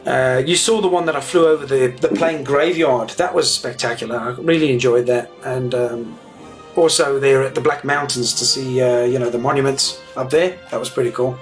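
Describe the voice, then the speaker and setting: A man's voice: medium pitch, fairly even intonation, moderate pace, faint music behind. A man chatting casually and informally as he streams a flight simulator to viewers. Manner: matey, informal. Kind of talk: casual livestream chat.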